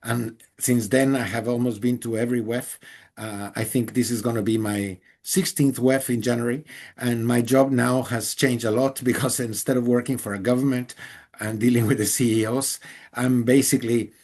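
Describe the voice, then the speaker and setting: A journalist from Guatemala, answering interview questions earnestly and emphatically with small laughs. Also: male voice, mid-range voice, steady tone, moderate pace, a little mellow. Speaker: journalist and guest.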